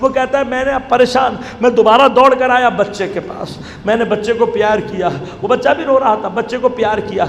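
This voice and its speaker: A man's voice: very high voice, vocal fry, hardly any pauses. Male preacher, sermon storytelling, impassioned appeals, roomy reverberant hall, faint hiss. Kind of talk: Shia majlis sermon. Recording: echoey hall recording, faint background noise.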